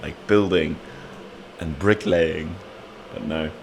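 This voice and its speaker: A man's voice: low voice, fairly even intonation, slow pace, gravelly, a little mellow, a little hiss or hum, rough recording. A man hosting a casual vlog in a chatty, joking manner. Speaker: vlog host.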